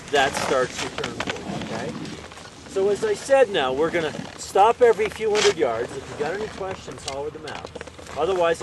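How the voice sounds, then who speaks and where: Male ski instructor, slightly high voice, folksy and jokey, projecting to a group; clear outdoor noise behind. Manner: folksy, joking. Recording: outdoor ambient noise, shifting distance.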